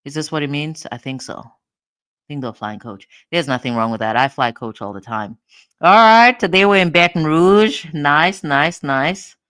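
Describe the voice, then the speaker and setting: A woman's voice: low-pitched, normal speed, a bit bright, clear, resonant tone, no room sound, studio quality. A woman hosting a livestream, giving casual commentary on court documents as she thinks aloud and repeats her phrases. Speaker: livestream host.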